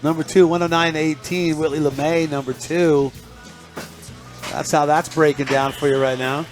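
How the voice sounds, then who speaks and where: Excitable race co-host guy, kinda high voice, teasing and goofy. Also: normal speed, soft background music. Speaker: race co-announcer. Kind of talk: live sports commentary, banter.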